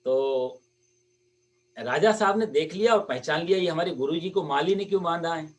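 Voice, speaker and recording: Male katha preacher, lively narrator, slightly high voice. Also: normal speed, distant mic. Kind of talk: devotional story sermon.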